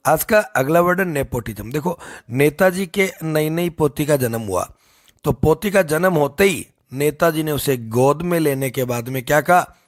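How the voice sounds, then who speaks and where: A man teaching English vocabulary in a folksy way, repeating key phrases and slowing down to stress words. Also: on the high side, animated. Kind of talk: explanatory lesson with memory tricks.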